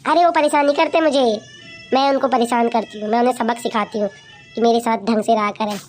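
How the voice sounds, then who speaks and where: Bossy cheeky young wife in a family skit, high-pitched and sharp-tongued, acted by a woman. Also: steady tone, quick pace, a little hiss or hum, lightly acted. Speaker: scheming daughter-in-law in a family skit. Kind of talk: amateur comic family skit.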